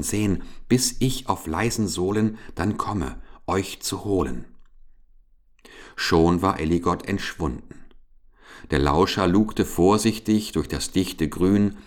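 A man narrating a children's fairy tale in a calm, measured storytelling manner. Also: sits low. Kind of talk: fairy-tale audiobook reading.

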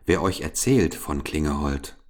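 Ein Mann liest eine sanfte junge Dienerin. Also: male voice, a bass voice, animated, a little slow, exaggerated voice. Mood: gentle. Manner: soft, gentle, sing-song rhyming speech. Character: gentle young maiden servant, soft-spoken. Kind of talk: storybook reading.

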